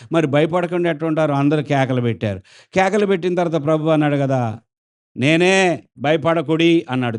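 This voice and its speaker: High-voiced man preaching with call-and-response. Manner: animated, questions the congregation and acts out quotes. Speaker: pastor. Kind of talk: sermon.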